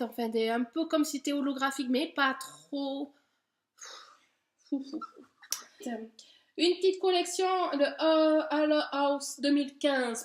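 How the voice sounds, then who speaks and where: A woman with a high voice talks casually and gushes with enthusiasm as she presents her haul. The sound is echoey and roomy. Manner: enthusiastic, gushing, chatty with fillers. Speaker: beauty vlogger. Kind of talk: casual product haul chat.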